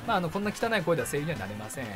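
Young man, gaming host, fast-talking, lively swooping pitch, jokey play-by-play, background music. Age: young adult. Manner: animated, jokey, bursts of cheering and impressions. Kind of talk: excited gameplay commentary.

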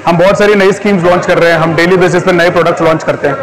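A man's voice: high voice, steady tone, racing, poor audio. Hesitant young man explaining his company. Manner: hesitant, many ums, mixes English words. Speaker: company representative. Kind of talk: on-camera interview. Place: indoor event hall in front of banner backdrop.

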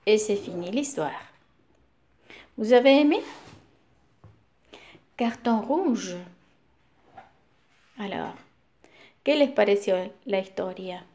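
Animated woman reading to small children. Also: medium pitch. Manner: slow, animated, sing-song storytelling. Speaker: teacher reading to young children. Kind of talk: read-aloud children's story.

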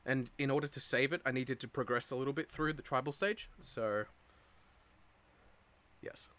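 A man's voice: medium pitch, normal speed. A young man streaming a video game, chatting casually with viewers and swearing a lot, a little out of breath. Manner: excitable, swears often, greets chat by name. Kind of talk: casual live-stream chat. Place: cold room at home.

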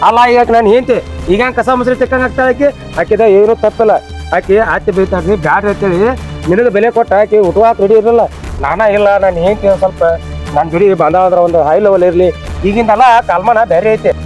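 A man's voice: high voice, fast talker, a little mellow, soft background music, close to an everyday voice. A man with a North Karnataka accent playing an emotional young son caught between his stepmother and his wife in a village family drama skit. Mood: arguing. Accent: North Karnataka Kannada. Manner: pleading, emotional. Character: pleading young married son, torn between mother and wife.

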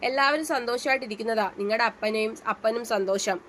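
A gentle elderly grandmother, wise and consoling, in a storybook reading, as a woman narrator puts her on. The voice is a touch high. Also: fast talker, slight background noise, natural voice.

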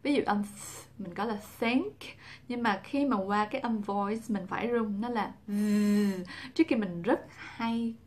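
A young woman talks casually to camera as a pronunciation teacher, at a middle pitch. She slows down to model each sound and repeats the example words so they are easy to copy. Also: darkish tone. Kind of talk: casual instructional talk to camera.

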